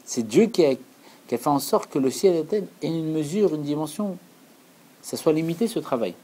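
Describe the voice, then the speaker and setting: A man's voice: fairly high pitch, animated, a little fast, warm tone, slightly rough, poor audio. A man giving an earnest, explanatory Torah lesson, repeating key phrases for emphasis. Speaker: Torah teacher.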